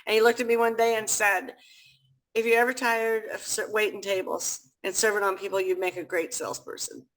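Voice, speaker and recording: A woman's voice: mid-range voice, rough recording. Chatty woman telling her story. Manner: animated, chatty, acts out quoted speech. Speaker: food pantry founder, guest. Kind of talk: casual interview storytelling.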